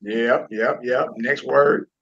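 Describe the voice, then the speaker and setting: A man's voice: medium pitch, fairly even intonation, slow, vocal fry, dull audio, noisy background. A man teaching a Hebrew reading lesson, encouraging his student and repeating words and phrases.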